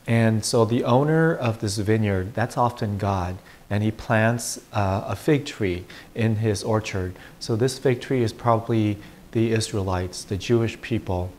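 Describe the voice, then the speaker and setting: Low-voiced man preaching as a priest. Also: a little slow, darkish tone, slight background noise. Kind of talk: Gospel reading and informal homily.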